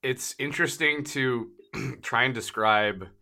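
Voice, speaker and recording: Bright-toned, laughing male podcast host. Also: mid-range voice, slow pace, creaky. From US, Wisconsin and Colorado. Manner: laughs often, loose and joking. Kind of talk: casual conversation.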